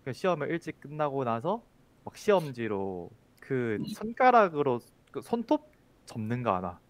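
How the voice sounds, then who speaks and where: A man's voice: mid-range voice, sing-song, moderate pace, dry recording. A man who is a teacher, chatting casually and telling a childhood story, with many fillers. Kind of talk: casual chat.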